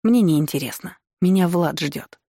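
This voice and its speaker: A woman's voice: fairly low pitch, moderate pace, dark tone, no room sound. A young woman narrating a first-person audiobook in a wry, mocking tone, recorded on a close studio mic.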